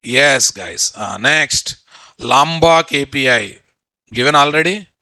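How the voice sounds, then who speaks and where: A man's voice: medium pitch, expressive, slow, sharp tone, dry recording. A middle-aged man with a Telugu Indian accent teaches an informal online class bluntly, repeating phrases and asking rhetorical questions. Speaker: software instructor. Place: indoor room, online video call.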